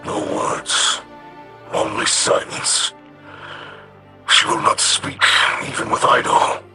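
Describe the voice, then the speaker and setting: Speaking slowly in a sharp tone, a man portrays a video game's alien warrior leader, solemn and stoic. Music underlies his formal, reverent, weighty words.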